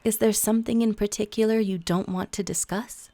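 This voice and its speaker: A woman's voice: medium pitch, steady tone, brisk, warm tone, no echo, lightly acted. A woman playing a polite TV interviewer who grows exasperated. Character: professional TV interviewer.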